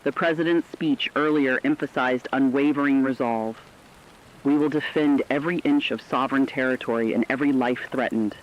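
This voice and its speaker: A man's mid-range, natural voice carries a scripted, dramatic war-correspondent report for radio at a moderate pace. He sounds grave and resolute, formal and emphatic. Faint rain can be heard through the dull lo-fi radio sound.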